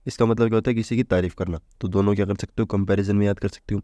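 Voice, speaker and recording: A man teaching a relaxed vocabulary lesson in a low, mellow voice. He talks chattily, constantly posing questions and answering them himself. The sound is dry and close to the mic. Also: very fast, no echo. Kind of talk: casual Hindi exam-prep lesson.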